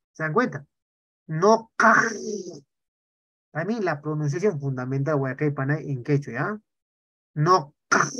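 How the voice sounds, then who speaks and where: A man teaching a live online Quechua class. He talks in an animated way and keeps checking in with "¿ya?" and "¿no?". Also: a little high, slightly rough, no room sound. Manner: animated, tags sentences with "¿ya?" and "¿no?". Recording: dull lo-fi online class audio.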